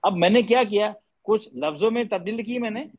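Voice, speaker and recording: A man's voice: high-pitched, fairly quick, narrow, tinny audio. A man teaching tajweed in an online class, patiently quizzing students and repeating his points. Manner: mixes English words into speech. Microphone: online class audio.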